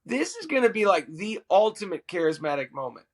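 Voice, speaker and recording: With a high-pitched voice and a brisk pace, a middle-aged man who plays worship music shares a personal story as a podcast guest, animated and self-amused.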